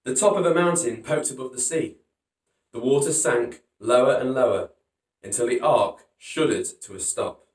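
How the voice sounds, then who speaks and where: Reading a picture book for storytime, this man narrates with drama and emphasis at a normal speed, his voice medium in pitch. The sound is roomy and echoing, as he's far from the mic.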